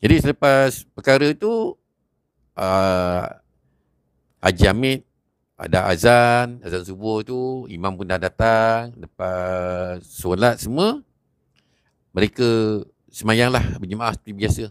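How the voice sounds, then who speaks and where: A man's voice: on the low side, takes it slowly, clean tone, no echo. A man telling a story casually, rambling with many fillers.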